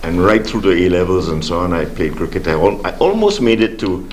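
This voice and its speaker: Here the Grenada-born sports official, an older Caribbean man, chats easily as a studio guest about his life, leaning on plenty of fillers. He speaks low and brisk with a sing-song lilt. There's a little hiss or hum on the audio.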